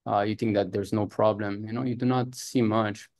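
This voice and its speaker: With a lowish, darkish voice, fairly even intonation, and a normal pace, a native French speaker in his thirties tells his own story. He's a podcast guest from Montreal, Canada.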